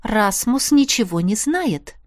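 Woman reader as a lively, teasing young wife; higher and bright, dry. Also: dry recording. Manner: bright, teasing, quick to exclaim.

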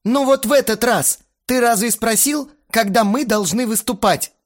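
A man voicing a hot-headed young male band frontman who shouts indignantly. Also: sits high, moderate pace, voice pushed up. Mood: indignant shouting.

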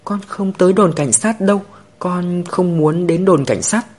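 A man voicing a stubborn, tearful little girl in a storybook reading, in a high childish pleading voice. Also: normal speed, husky.

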